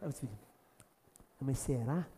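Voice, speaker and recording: A male pastor preaching fervently, rising to shouts and firing rhetorical questions at the congregation. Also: mid-range voice, normal speed, long reverb tail. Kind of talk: sermon.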